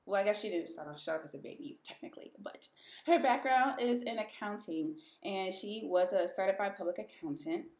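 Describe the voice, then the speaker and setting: A woman's voice: medium pitch, brisk, a little mellow. A woman hosting a podcast, chatty and emphatic, speaking casually and directly to her listeners in an echoing room. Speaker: podcast host. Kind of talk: casual podcast episode introduction. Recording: echoey, reverberant room.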